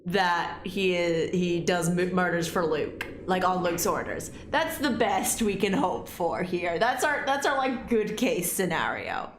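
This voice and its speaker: A woman's voice: medium pitch, echoey room, a little hiss or hum. Rambling woman game streamer. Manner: rambling, animated, musing aloud. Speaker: gaming channel host. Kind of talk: let's play commentary and reading aloud.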